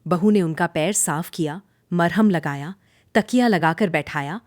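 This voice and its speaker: A woman's voice: lowish voice, a little slow, no echo, clean studio sound. A woman narrating a cartoon story in a dramatic storytelling manner.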